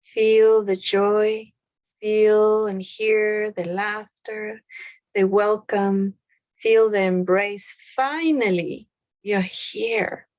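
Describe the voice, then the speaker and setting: A woman leading a guided meditation in a soothing, unhurried way, with pauses between short phrases. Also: mid-range voice, steady tone, darkish tone, dry recording, dull audio.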